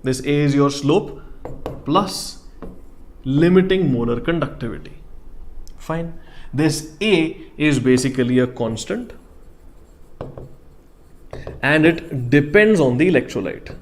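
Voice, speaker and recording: A man with a North Indian accent teaches a live online class. His voice sits a little higher than average. He explains in steps, repeats his key phrases, and drops in short Hindi tags to check that students follow. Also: expressive, slow, long pauses, a little hiss or hum.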